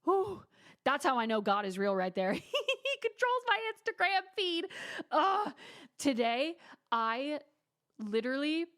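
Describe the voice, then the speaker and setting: Twenty-something girl doing her own podcast, kinda high voice, super dramatic and bubbly, whispers jokey asides. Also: fairly bright tone. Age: 20s. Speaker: podcast host. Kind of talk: casual solo podcast chat.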